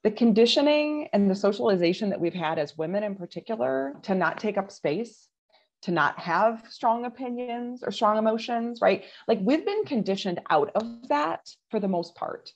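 A woman's voice: mid-range voice, lively intonation, lo-fi sound. A woman in her forties, a leadership coach, speaking earnestly and emphatically as a guest in a podcast interview. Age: 40s. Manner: earnest, emphatic, quick bursts.

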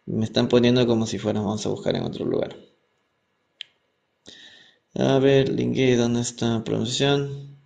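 A man from Peru teaching English on a live stream, reading aloud and explaining words in Spanish, repeating each pronunciation slowly. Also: mid-range voice, steady tone, creaky, darkish tone, lo-fi sound. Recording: echoey room, faint music behind.

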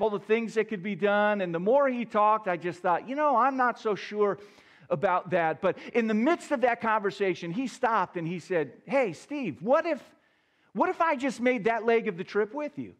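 A man with a high voice preaches a sermon, earnestly retelling a story and quoting scripture. He often restarts his phrases as he goes. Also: animated, normal speed. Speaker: pastor.

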